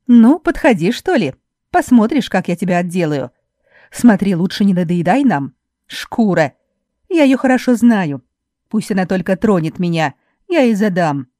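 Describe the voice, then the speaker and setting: A woman voicing a spiteful young laundress who loudly taunts and mocks her rival in an audiobook. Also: very animated, normal speed, no echo, clean studio sound, lightly acted. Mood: jeering. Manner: loud, mocking, shrill taunting.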